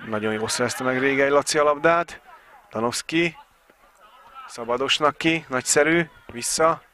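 An excited man calls a local football match live. His voice is bright and forceful, sitting a little on the higher side of average for a man only when he gets carried along. He sounds openly on the side of the home team. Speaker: football commentator.

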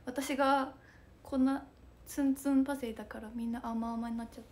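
A young woman chatting casually on a live stream, reading comments aloud in a playful way and often dropping into a soft whisper. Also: a little high, steady tone, moderate pace, a little hiss or hum. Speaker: idol streamer.

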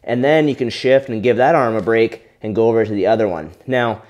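A young man coaching viewers through shoulder rehab exercises. He talks in a relaxed, easygoing way while he demonstrates the moves. Now and then he sounds winded from the effort. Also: mid-range voice, a little fast, muffled recording. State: out of breath during exercise. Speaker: physical therapy instructor.

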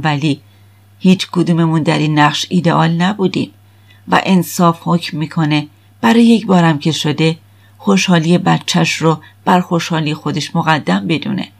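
A woman voicing a composed, reserved older mother in an audiobook, speaking in a measured, softly controlled, husky way. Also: low voice.

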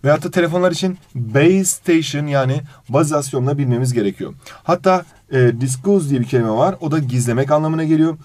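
A man's voice: a little high, fast, few pauses, dry recording. A man teaching an exam review lesson, reading out English phrases and translating each one while fondly addressing his student. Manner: animated intonation.

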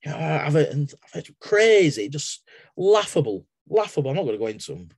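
His voice on the high side, a little mellow and slightly rough, a middle-aged Englishman speaks at a moderate pace and very animatedly in a webinar. As a guest speaker and exam assessor on a video call from his home study using a laptop webcam, he explains things casually, digressing into everyday analogies and often restarting sentences. The sound is clean, studio-like, with no echo.

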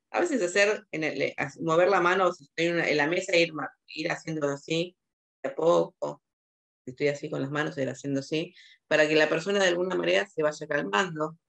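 A woman's voice: low-pitched, vocal fry. A woman psychologist with a Rioplatense Spanish accent giving a lecture over a video call, talking with many fillers and restarts.

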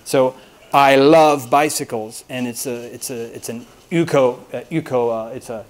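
A university lecturer from Austin, Texas, gives colleagues an informal, humorous talk in a medium-pitched voice at a slightly slow pace. He rambles and tells jokey stories, often poking fun at himself.

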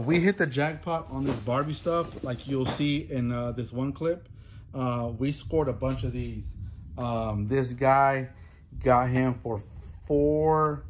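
Man, middle pitch, unhurried, halting casual vlog host, garage in a thunderstorm, slight background noise. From Houston, Texas. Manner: halting, unscripted delivery. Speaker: host of a toy reselling channel. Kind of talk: casual vlog, showing clearance finds. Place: home garage during a thunderstorm. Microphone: phone at arm's length, handheld camera. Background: rain and thunder noise, clicks.

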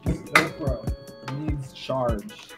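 Teen boy, casual gamer chat, slow easygoing delivery, frequent laughter, music bed. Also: medium pitch. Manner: giggly, goofy, bursts of laughter.

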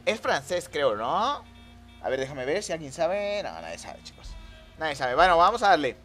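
A young man with a Mexican Spanish accent giving excitable live commentary over a racing game, talking to his viewers and rival players. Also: on the high side, moderate pace, soft background music. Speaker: gaming streamer.

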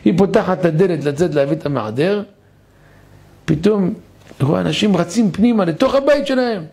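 A man, a rabbi, giving a sermon in a synagogue and telling a parable with animated delivery. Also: high-pitched. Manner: animated storyteller, gravelly. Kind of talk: sermon with storytelling.

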